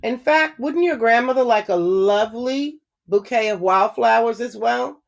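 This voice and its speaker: A woman's voice: on the high side, creaky. A woman voicing a sly, hungry male wolf who talks with false politeness in a storybook read-aloud. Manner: silky, falsely polite, slowing to a menacing hush.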